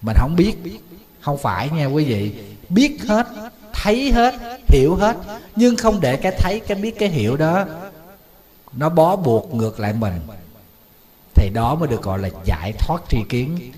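A man's voice: mid-range voice, sing-song, moderate pace, long pauses, warm tone. A man, a Buddhist monk giving a sermon in a folksy way, often asking the audience questions.

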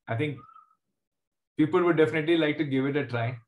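A fast-talking man with a high-leaning voice and phone-quality sound teaches maths online in a relaxed, joking manner. He has a South Indian accent and speaks from an indoor room during a video class. The recording is roomy and echoey.

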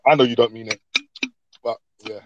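A man's voice: medium pitch, fairly even intonation, normal speed, highs cut off, noisy background. A young man hosting a casual chat, teasing his guest in a laid-back way and talking over interruptions. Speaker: host.

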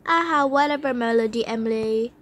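A woman's voice: on the high side, fairly quick, fairly bright tone, close to an everyday voice. A woman voicing a snooty, mocking schoolgirl bully in a toy role-play. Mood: taunting. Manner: mocking, dismissive.

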